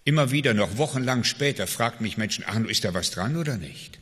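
Male preacher, emphatic sermon delivery, bright tone, reverberant hall. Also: on the low side, expressive, quick pace, slightly rough. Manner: emphatic preaching with swings between loud calls and quiet confession.

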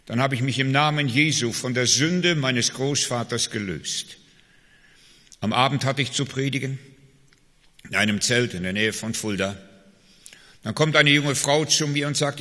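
Male preacher, emphatic sermon delivery, bright tone, reverberant hall. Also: medium pitch. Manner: emphatic preaching with swings between loud calls and quiet confession.

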